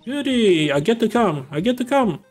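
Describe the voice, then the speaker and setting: A sweet, shy little girl, voiced by a man, speaking softly and politely. Her high voice sits over faint music. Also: sing-song, moderate pace.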